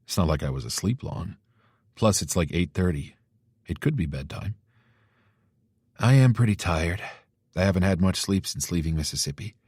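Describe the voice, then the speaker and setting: A man voicing a teasing, tender young male lover in an audiobook, speaking softly and intimately. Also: low voice, animated, moderate pace, long pauses, husky, no room sound, clean studio sound. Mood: tired.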